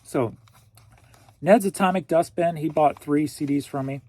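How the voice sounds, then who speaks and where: Packing online orders, this forties-aged reseller from St. Louis, Missouri chats casually to himself in a goofy, jokey way. His voice sits on the high side, unhurried and mellow, with no echo.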